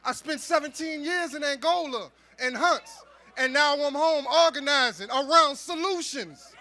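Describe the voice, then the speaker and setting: A middle-aged man from New Orleans giving an emphatic rally speech as an organizer, with repeated, shouted calls. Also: very high-pitched, unhurried, a little hiss or hum. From New Orleans, Louisiana. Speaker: activist organizer speaking at rally. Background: rally crowd.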